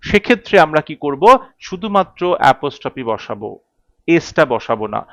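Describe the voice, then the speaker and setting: A high-pitched man runs an English grammar class. He works through each rule step by step and asks his students questions along the way. The recording is dry, with no room sound. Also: very animated, brisk, fairly bright tone, no room sound. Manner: explains step by step, repeats key rules, asks students questions.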